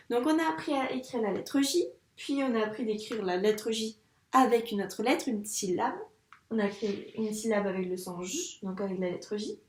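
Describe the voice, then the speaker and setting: A primary school teacher, a woman, guiding a young child through a handwriting lesson in a patient, encouraging way, saying each sound slowly as she writes. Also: mid-range voice, darkish tone. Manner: says sounds slowly while writing. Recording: echoey room, mic at a distance.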